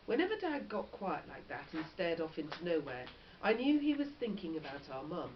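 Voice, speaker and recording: A woman's lowish voice moves at a moderate pace as she reads a children's tale with teacherly expression. Short asides explain things along the way; the sound is dull, lo-fi, and faintly noisy.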